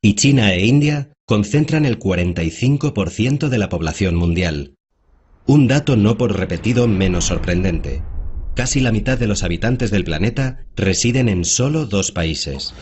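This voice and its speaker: A man reading scripted documentary narration in an even, composed delivery. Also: on the low side, normal speed, lo-fi sound, slight background noise.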